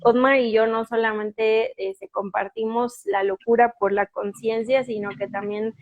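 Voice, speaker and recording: This woman, with a fairly high pitch and a steady tone, speaks at a measured pace over phone-quality audio. She has a Mexican Spanish accent and is hosting a laid-back live stream, chatting away with plenty of fillers and restarts until her guest shows up.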